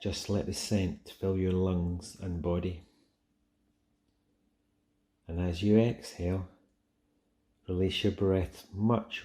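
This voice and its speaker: A man guiding a relaxation meditation in a soft, soothing, gentle manner with long pauses. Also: deep voice. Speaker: meditation guide. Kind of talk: guided relaxation meditation, soothing scripted narration.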